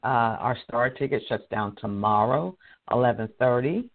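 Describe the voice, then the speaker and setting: A hoarse man hosting a casual live career show, chatty and laughing often as he restarts his sentences. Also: medium pitch, normal speed, phone-quality sound. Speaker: career coach and show host. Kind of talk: casual live-stream talk.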